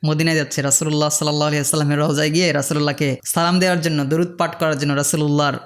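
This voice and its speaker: A Quran reading teacher slowly drilling Arabic letter sounds for beginners, chanting each syllable and adding quick explanations. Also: mid-range voice, level tone. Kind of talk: slow phonics drill for beginners.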